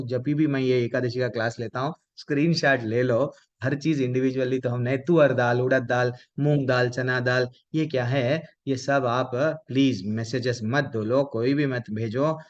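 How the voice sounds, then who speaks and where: A man's voice: medium pitch, muffled recording. A man leading an online devotional class. He keeps asking rhetorical questions and answers them himself, and he addresses his listeners with devotional honorifics.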